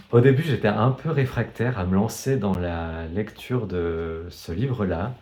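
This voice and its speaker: A man talking casually about a novel he read, with frequent pauses and restarts and some self-mocking humor. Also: lowish voice, a little mellow. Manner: hesitant, many fillers and restarts. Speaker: book vlogger. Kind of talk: casual book review vlog.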